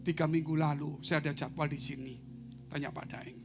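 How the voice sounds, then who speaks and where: A male pastor preaching in a church service, with instrumental music playing behind him. He tells stories and keeps addressing the congregation directly. His delivery jumps from loud, ringing exclamations to hushed, almost whispered asides. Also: fairly high pitch, flat delivery, a little fast. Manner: storytelling, addresses congregation as saudara. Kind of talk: sermon. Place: church service, online broadcast.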